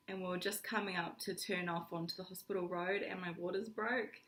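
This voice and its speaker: Woman telling a story, echoey room. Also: on the low side. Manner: animated, laughing, acts out quoted lines. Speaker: vlogger. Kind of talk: casual storytelling.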